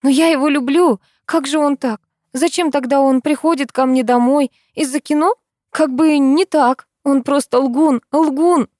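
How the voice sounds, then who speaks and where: A woman reading a story aloud, voicing an angry, hurt teenage girl who shouts through tears. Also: high voice, steady tone, a little slow, no room sound, studio quality, voice pushed up. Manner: shouting, tearful.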